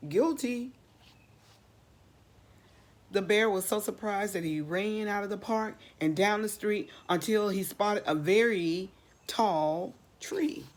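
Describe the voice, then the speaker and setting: A woman reads a storybook aloud to children with expression, asking her listeners questions and repeating phrases for dramatic effect. Her voice sits in the mid-range and is a little mellow.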